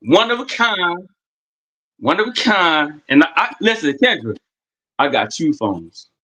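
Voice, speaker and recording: A man on a video call talks loudly and eagerly with a bright, forceful tone. He repeats his points over and over as he speaks. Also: a little high, measured pace, poor audio. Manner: loud, animated, repeats himself. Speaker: truck driver calling in. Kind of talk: casual chat.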